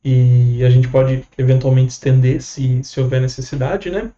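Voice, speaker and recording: A man with a Brazilian Portuguese accent teaching a casual online English lesson, relaxed and full of fillers and quick "beleza?" check-ins. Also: mid-range voice, reverberant, highs cut off.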